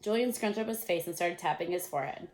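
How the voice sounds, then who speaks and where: A woman's voice: lowish voice, fast, echoey room. A woman teacher reading a children's novel aloud, with casual asides and self-corrections.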